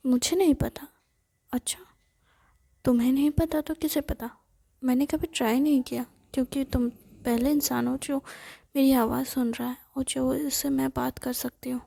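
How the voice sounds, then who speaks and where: A woman voicing a chatty, curious young female ghost who keeps asking questions and admires her own looks, in a breathy whispered role-play. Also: sits high, steady tone, mellow, heavily acted. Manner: rapid questioning, insistent.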